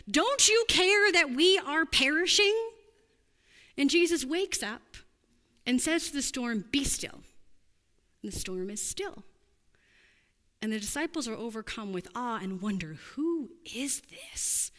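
A woman's voice: mid-range voice, a bit bright, long reverb tail. A woman pastor giving a sermon in an earnest, conversational preaching manner, addressing listeners as friends.

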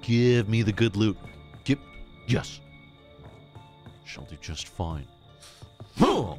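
A man's voice: on the low side, big pitch swings, slow pace, a little mellow, faint music behind. A man hosting a live stream, chatting to viewers while playing a game. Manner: chatty, thanking and talking to chat while playing. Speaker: streamer host. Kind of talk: live gameplay commentary.

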